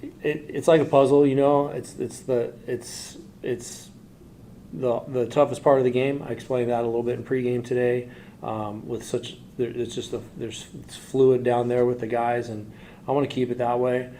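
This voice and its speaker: A man answering a postgame press question, halting and searching for words. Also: medium pitch, flat delivery, mellow, a little hiss or hum. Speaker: baseball manager.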